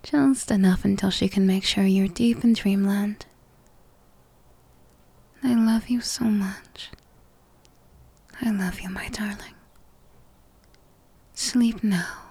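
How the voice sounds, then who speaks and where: A woman whispering in a soft, affectionate, soothing manner in a comfort roleplay. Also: medium pitch, fairly even intonation, slow pace, creaky, long pauses, breathy edge. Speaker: ASMR roleplay performer.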